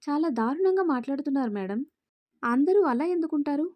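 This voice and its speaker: A woman's voice: high-pitched, lively intonation, brisk, darkish tone, dry recording, voice pushed up. A woman voicing an earnest, outspoken young woman who speaks up firmly for a little girl in a spoken storybook.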